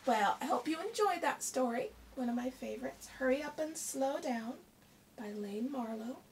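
Speaking at normal speed in a high voice, a middle-aged woman reads a picture book aloud to children, expressive and teacher-like as she asks them questions. She's recorded in a small indoor room with shelves by a camera a short distance away, and faint background noise is audible.

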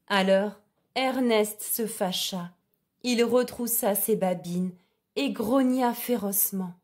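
A woman reading a children's storybook aloud in a clear, expressive way. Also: medium pitch, slow pace.

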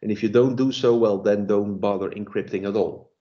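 Low-voiced man presenting a sales webinar. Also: fairly quick, dull audio. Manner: relaxed, many fillers and restarts.

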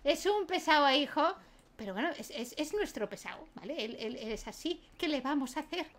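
Chatty high-voiced woman gamer. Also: lively intonation, a little fast. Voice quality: chatty, laughs often, keeps asking ¿vale?. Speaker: gaming video creator. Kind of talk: let's play commentary.

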